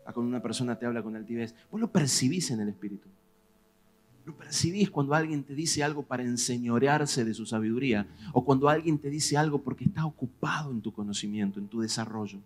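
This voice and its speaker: A man with a Rioplatense Spanish accent, a pastor preaching a sermon in a lively, conversational way, pressing questions on his congregation. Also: medium pitch, fast talker. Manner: animated preaching, rising loud on questions to the congregation.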